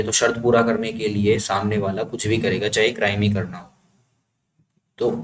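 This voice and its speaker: A man's voice: mid-range voice, a bit bright. A man teaching vocabulary with memory tricks, explaining step by step and checking understanding as he goes. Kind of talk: explanatory lesson with mnemonics. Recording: echoey room, faint ambient noise.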